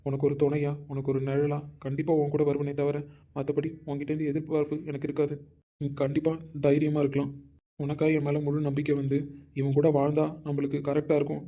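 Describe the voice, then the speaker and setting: A man's voice: fairly high pitch, monotone, fast, phone-quality sound. Man playing a remorseful devoted husband. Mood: remorseful, tender. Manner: earnest, apologetic. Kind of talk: amateur audio drama.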